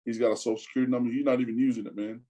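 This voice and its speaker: Husky, mellow-voiced man from Tonga. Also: medium pitch, fairly even intonation, dull audio. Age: 40s. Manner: halting, repeats words, says "man" a lot. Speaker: guest. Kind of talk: casual interview talk.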